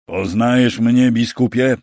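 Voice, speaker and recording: A man's voice: lowish voice, slow pace, no room sound. A bold young knight with a raised, ringing voice, as a male narrator acts him out. He calls out defiantly and with force. The sound is dry and close. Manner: calling out loudly, challenging.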